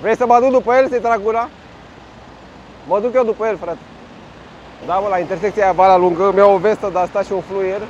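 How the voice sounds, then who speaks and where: Cycling vlogger, male, high voice, blunt and sweary, faint traffic hum behind. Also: steady tone, long pauses, highs cut off. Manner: loud, blunt, swears freely at other road users. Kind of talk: casual running commentary while riding. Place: outdoors on city streets in traffic.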